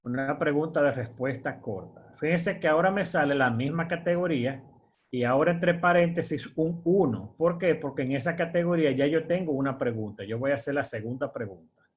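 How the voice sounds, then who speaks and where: A man's voice: on the high side, brisk. A man, teaching an online course as a screen-share tutorial, explaining step by step with fillers and frequent "verdad?" checks.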